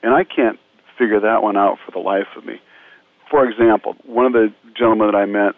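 Man on a phone line, lowish voice, dry, earnest relief worker telling a story. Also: steady tone, a little fast, dry recording. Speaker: disaster relief medical team member. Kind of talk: storytelling in a radio interview. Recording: narrow phone-line sound.

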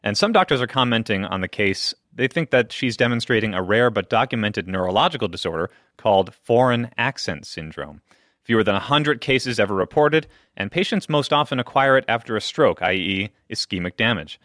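A man's voice: lowish voice, expressive, fairly quick, fairly bright tone, no room sound, clean studio sound. A man co-hosting a medical radio show, reading health news with jokey, pun-filled banter. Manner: jokey, fond of puns.

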